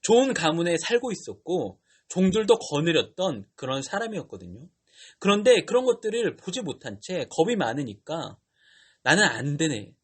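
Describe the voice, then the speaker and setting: Husky, high-voiced young youth pastor. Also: male voice, normal speed. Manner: lively storytelling with slang and questions to the youth. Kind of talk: sermon retelling a Bible story to teenagers.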